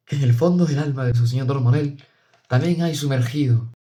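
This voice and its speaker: A man's voice: medium pitch, fairly quick, dark tone, voice pushed up, lightly acted. A man reading an earnest young brother confiding. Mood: musing. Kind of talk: audiobook dialogue.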